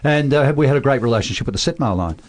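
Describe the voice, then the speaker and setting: A man's voice: medium pitch, rapid-fire. An Australian man in his seventies, a former band member telling stories with jokey asides in a radio interview. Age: 70s. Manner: lively storyteller, jokey asides. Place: radio studio.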